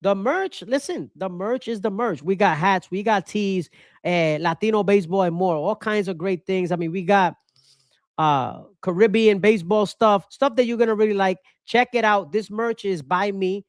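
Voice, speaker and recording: A man's voice: sits high, normal speed, no echo, clean studio sound. A man from Rico, hosting a baseball podcast with passionate, opinionated commentary and repeating his points for emphasis. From Puerto Rico.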